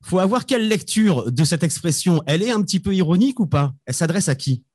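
A man hosting a music podcast, delivering prepared introductions and questions in a smooth, scripted way. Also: high voice, animated, fast, darkish tone, dry recording, clean studio sound. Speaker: host. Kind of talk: scripted radio-style questions.

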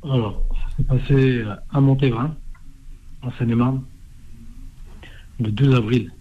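A man speaking as a guest on a live phone interview, talking in a quiet, subdued way. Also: mid-range voice, steady tone, slow pace. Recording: dull phone line.

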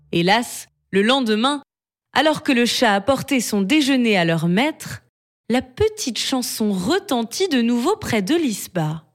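A woman storyteller reading a bedtime fable aloud in a slow, expressive way. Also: a little high.

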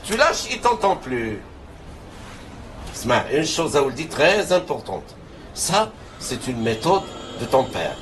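A man's voice: mid-range voice, sing-song, slow pace, long pauses. An actor playing an earnest shopkeeper father in a film comedy, explaining things emphatically and repetitively. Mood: earnest instructing. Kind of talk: naturalistic film comedy acting. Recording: film scene with faint background noise.

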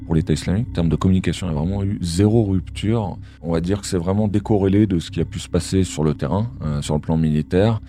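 A man's voice run through a voice changer, dropped to an extremely deep, unnatural pitch. He talks as an analyst guest in an interview, calm and explanatory, pausing often on fillers as he thinks. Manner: measured explanatory talk with frequent hesitations. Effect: voice changer, disguised voice. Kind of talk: podcast interview.

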